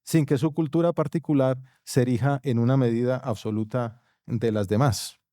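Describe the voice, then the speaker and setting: A man from Colombia with a Colombian accent, giving an academic lecture at a university conference, measured in delivery and dropping into quiet asides. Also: medium pitch, fairly even intonation, no echo, clean studio sound. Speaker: conference speaker. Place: university auditorium.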